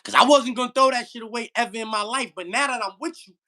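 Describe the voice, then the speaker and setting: This middle-aged man's voice is extremely high, and he rattles off his stories at speed in profane, casual street talk. Animated and emphatic, he keeps repeating himself for effect.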